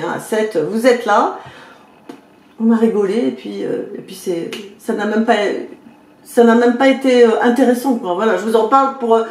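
Chatty French-speaking woman coach, echoey room. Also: a little high. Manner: chatty, addresses viewers directly with frequent checks; acts out quoted exchanges in lively voices. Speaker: medium and personal development coach. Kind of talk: spoken advice video.

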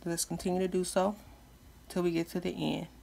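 A woman's voice: on the low side, little pitch movement, brisk, creaky, dark tone. A woman giving casual step-by-step craft instruction as a tutorial host, informal, with slightly lisped speech from wearing retainers.

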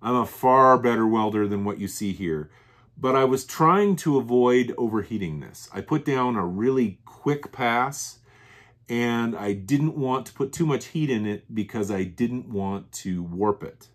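A man's voice: mid-range voice, expressive, measured pace, a bit bright. A man hosting his own workshop channel, walking through machined parts in a plain, methodical way and often restating his points. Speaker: channel host. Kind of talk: workshop show-and-tell. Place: workshop bench.

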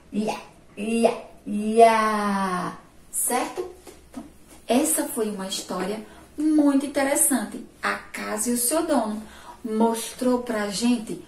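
A woman teacher from Sergipe in Brazil with a Sergipe accent, giving a remote literacy lesson to young children, slow and patient, praising answers and drawing out syllables. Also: on the high side, a little mellow. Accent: Sergipe Brazilian Portuguese. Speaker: primary school teacher. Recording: echoey room, voice from a distance.

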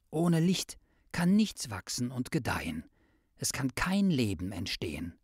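Slow, husky male storyteller, animated pitch. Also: dry recording, studio quality. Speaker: narrator. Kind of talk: scripted storytelling for children.

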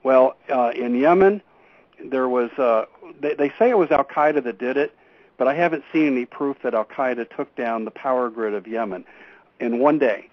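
A man's voice: mid-range voice, normal speed, no echo. A man speaking as a guest on a radio show, earnestly laying out urgent warnings and often restarting his sentences. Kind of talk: call-in radio interview. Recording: dull lo-fi radio audio.

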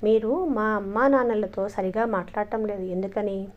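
A woman voicing a gentle young wife who speaks softly and quietly. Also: mid-range voice, fairly even intonation, normal speed, muffled recording, natural voice. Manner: soft, quiet.

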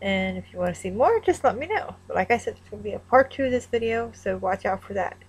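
A young adult woman speaks with a Kentucky accent from Appalachia at a middling pitch. Her delivery is casual and folksy, like a home vlog answering questions into a webcam, with plenty of regional dialect. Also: expressive, fast talker, breathy edge. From Kentucky, United States. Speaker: vlogger. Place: small room at home, indoors. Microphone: webcam at desk distance.

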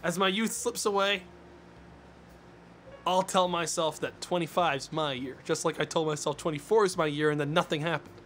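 A man's voice: on the high side, steady tone, moderate pace, a bit bright, a little hiss or hum. A man in his twenties, a streamer chatting casually with his viewers in a mock-indignant, ranting way, swearing often. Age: 20s. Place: small dim room indoors.

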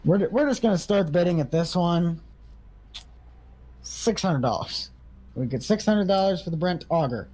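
Guy doing a farm auctioneer, high voice, kinda mellow, casual game roleplay selling used equipment. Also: animated, moderate pace, pauses often, slight background noise, low-quality recording. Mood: selling briskly. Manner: auctioneer's bid calling, repeating prices. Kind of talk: casual improvised video game role-play.

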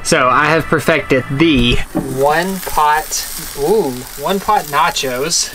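A man's voice: fairly high pitch, slow pace, music in the background. A young man narrating his travel vlog in a casual, upbeat, chatty way, filming outdoors and in a camper van with a handheld camera. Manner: upbeat, chatty, laughs easily. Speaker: travel vlogger.

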